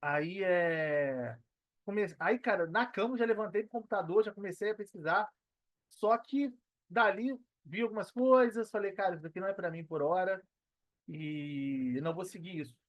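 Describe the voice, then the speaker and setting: As a podcast guest, this personal trainer and affiliate marketer in his thirties keeps things casual, his high-sitting voice moving at a normal speed. He speaks with a Brazilian Portuguese accent from Minas Gerais. The audio has no room sound and feels dull, dry, and lo-fi.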